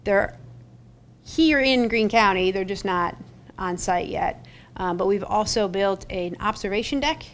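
A middle-aged woman on the parks staff speaks unhurriedly in a medium-pitched voice, giving a lively, chatty update at a public board meeting. She uses a podium gooseneck mic in the council chamber, fills her talk with fillers, and a little hiss or hum can be heard.

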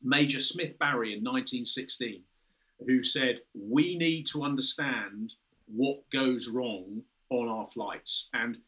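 A British man in his fifties, a former fighter pilot, appears as an interview guest on a video call from an indoor room with a window and red curtains. He explains at length, often restarting and saying "you know." His medium-pitched voice is slow, pushed, and bright, and the recording quality is low.

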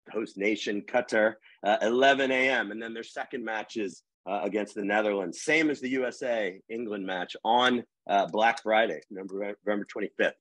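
A middle-aged editor-at-large hosts a live video call from a home room with a wood-panel wall, wearing earbuds and rambling with many fillers and restarts. His fairly low, slightly bright voice moves at a moderate pace with few pauses. The recording is dry and rough.

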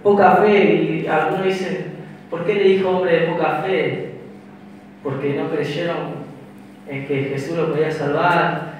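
A man's voice: fairly high pitch, steady tone, a little slow, a little hiss or hum. Young man preaching in an echoey church. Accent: Paraguayan Spanish. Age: young adult. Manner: hesitant, restarting phrases while explaining. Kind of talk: sermon with prayer. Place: small church hall, indoors. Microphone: handheld mic at a pulpit, filmed from far. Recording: very echoey hall from far off.

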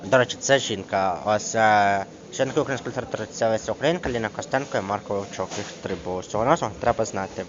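A man tutoring one student through a grammar lesson in a casual, hesitant way, with many fillers, reading example words slowly. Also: lowish voice. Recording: dull lo-fi screen recording with clear background noise.

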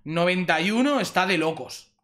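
A young man from Spain with a Spanish accent, doing excited pack opening commentary for his gaming channel, repeating himself and exclaiming at good pulls. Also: high voice, normal speed. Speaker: gaming youtuber.

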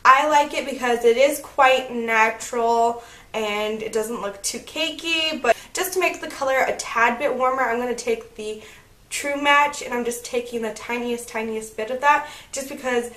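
A chatty woman in her twenties walks through her makeup routine step by step, upbeat and casual, at a moderate pace. Her fairly high voice is pushed and bright but a bit croaky as she gets over a cold. She's filming in her bedroom on a camera mic, and the room adds a noticeable echo.

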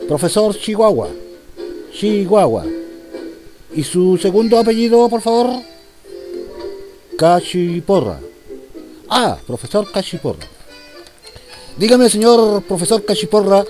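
A man's voice: sits high, big pitch swings, unhurried, pauses often, darkish tone, soft background music. A man performing a comic monologue as a police commissioner taking a phone call, in a mock-formal, polite manner.

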